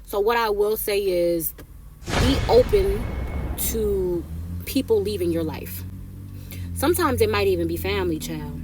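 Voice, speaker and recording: A woman in her thirties talks straight to camera in a loose, chatty way, handing out life advice. She circles back over her points and keeps checking in with her listeners with a quick "right?" or "okay?". Her pitch sits in the middle for a woman. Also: background noise. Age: 30s. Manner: chatty, repeats herself, tags lines with "right?" and "okay?". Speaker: vlogger giving life advice. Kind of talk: casual advice talk to camera.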